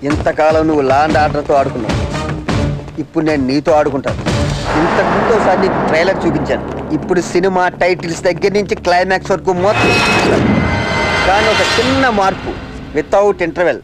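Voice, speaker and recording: Guy playing a nasty taunting cop, kinda high voice, big movie music behind. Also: a little fast, long pauses, close to an everyday voice. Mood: menacing taunts. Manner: taunting, contemptuous, threatening. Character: menacing bullying male police officer. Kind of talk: film acting. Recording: loud film score behind.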